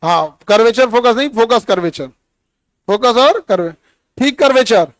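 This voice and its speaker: High-pitched man teaching a lively class. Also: normal speed, dry recording. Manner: teasing, quizzes students by name. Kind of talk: classroom physics lesson.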